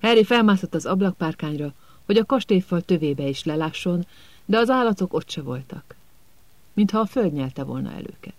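A man narrating an audiobook in a calm, measured storytelling manner. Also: high-pitched, no echo.

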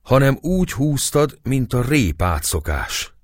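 A man reading aloud and voicing a gruff, hearty middle-aged castle lord who speaks in a raised, booming voice. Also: very animated, no echo, clean studio sound, lightly acted. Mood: blustering.

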